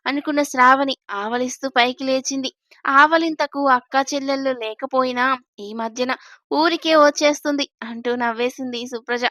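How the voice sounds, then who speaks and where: A woman's voice: high-pitched, steady tone, normal speed, a bit bright, no echo, studio quality. A woman storyteller reading a daily family serial aloud, voicing all the characters herself.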